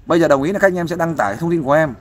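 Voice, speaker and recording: A man's voice: fairly high pitch, rapid-fire, a little hiss or hum. A man giving fatherly, persuasive advice in a casual interview, often asking for agreement. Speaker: volunteer counselor interviewing a guest.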